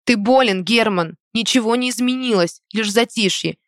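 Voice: mid-range voice, moderate pace, no echo, clean studio sound, voice pushed up, natural voice. A reader voicing a domineering, wealthy middle-aged mother who scolds her grown son in an audiobook. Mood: indignant scolding. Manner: hissing, scolding, indignant.

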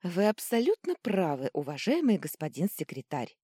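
A woman's voice: sits low, big pitch swings, moderate pace, darkish tone, dry recording, clean studio sound. A woman voicing a playful, mischievous young noblewoman in an audiobook reading. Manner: coquettish, playful.

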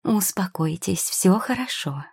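Storybook: woman as a patient young witch-shopkeeper, low, husky and dry. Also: animated, measured pace, a little mellow, dry recording, full character voice. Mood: soothing. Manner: patient, soothing and practical. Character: calm, quick-witted young potion-maker girl.

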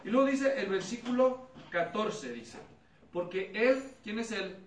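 Speaking a little slowly, a man with a high, lively voice teaches a Bible study as pastor. His expository sermon is full of anecdotes in which he acts out voices, and he asks the congregation questions and repeats their answers. The room is echoey and noisy, with the mic far off.

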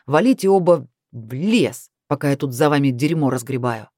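A man's voice: medium pitch, expressive, normal speed, a little mellow, no echo, studio quality, pitched below the performer's own voice, natural voice. A woman voicing a sarcastic, stern middle-aged male boss in an audiobook. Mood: sardonic.

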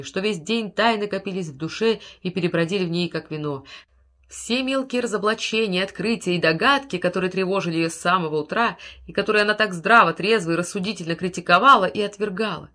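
A woman narrating a literary story in a measured, dramatic storytelling manner. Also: mid-range voice, fairly bright tone. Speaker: audiobook narrator.

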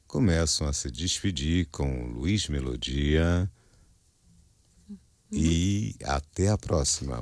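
A man hosting a radio show in a studio, speaking with a Niterói accent in a brisk, upbeat announcer manner. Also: rumbling low, darkish tone, no room sound. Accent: Niterói Brazilian Portuguese. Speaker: radio host.

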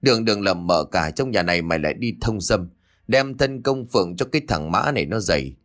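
A man voicing a furious old village matriarch, hurling curses in a fast tirade. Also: animated, fairly bright tone. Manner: shrill cursing tirade.

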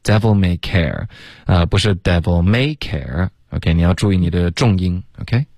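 A man coaching English pronunciation on a radio lesson, patiently correcting sounds and demonstrating them slowly. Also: low-pitched, a little mellow, no echo, studio quality. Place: radio studio.

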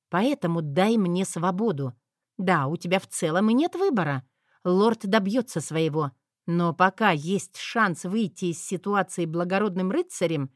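A woman reading an audiobook voices a defiant, scheming young woman who speaks in a mocking, sharp manner. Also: fairly low pitch, no echo, studio quality. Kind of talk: audiobook character voice.

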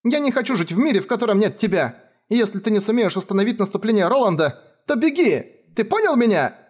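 A man's voice: high voice, expressive, a little fast, slightly rough, pitched above the performer's own voice. A man doing a sobbing young woman warrior. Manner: pleading, sobbing, rising to shouts. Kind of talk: audiobook character voice.

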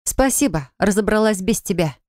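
A woman narrator voicing an indignant, stubborn young woman in an audiobook, answering in sharp, reproachful retorts. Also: medium pitch, expressive, normal speed, dry recording, studio quality, voice pushed up, lightly acted. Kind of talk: audiobook character reading.

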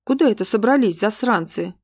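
A woman's voice: mid-range voice, lively intonation, a little fast, no echo, natural voice. Storybook figure: scared young mother, tense and anxious, read by a woman, dry close sound.

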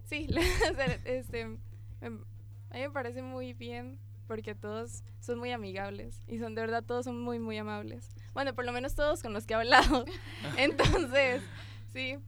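A woman's voice: a little high, unhurried, a bit bright. A teenage girl from Costa Rica with a Costa Rican accent, a guest exchange student answering interview questions in a school radio studio, hesitant and full of fillers. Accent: Costa Rican Spanish. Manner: hesitant, many fillers, laughs often. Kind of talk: casual interview.

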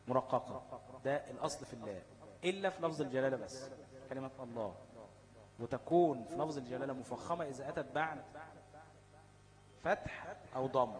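In this low-quality recording, a man with a medium-pitched voice and an Egyptian Arabic accent teaches a class on recitation rules. He asks his students questions, answers them himself, and constantly checks in with "okay?" to make sure they're following.

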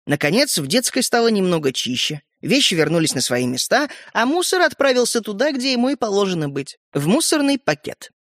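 A woman narrating a children's audiobook, her voice rising and falling in lively storytelling. The sound is close and dry, with no room around it. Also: medium pitch, a little fast, hardly any pauses, no room sound. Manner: expressive storytelling. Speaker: audiobook reader. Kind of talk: scripted narration of a children's book.

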